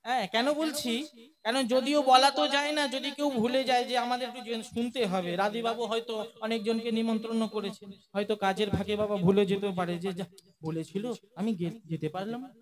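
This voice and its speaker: A man's voice: very high-pitched, steady tone, normal speed. A man leading a devotional kirtan, singing chants and preaching between them, coaxing the crowd to chant along. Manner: leads call-and-response chanting, coaxes the crowd. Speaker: kirtan singer. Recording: live with loud music. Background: tabla and harmonium music.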